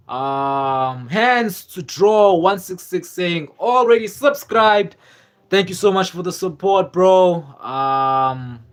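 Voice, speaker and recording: A young South African man hosts a live stream, rambling casually in a slightly high, somewhat bright voice. He circles back on what he's said, relies on filler words, and reads viewer comments aloud along the way.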